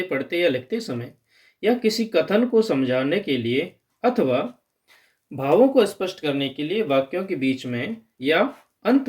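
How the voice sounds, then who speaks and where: A man teaches an exam-prep grammar lesson. His voice sits high for a man, and he lifts it to stress each key term as he explains step by step.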